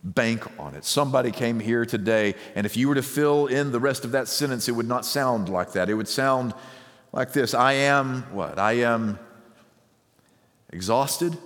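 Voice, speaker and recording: A man preaching a sermon as pastor, measured and emphatic, with deliberate pauses and repeated phrases. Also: mid-range voice. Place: church sanctuary. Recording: long reverb of a large hall.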